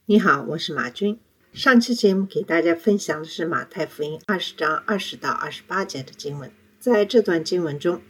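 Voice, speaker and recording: A woman's voice: low voice, husky. A woman hosting a Bible teaching podcast, giving a scripted lesson and reading scripture aloud, with rising emphasis on the quoted cries.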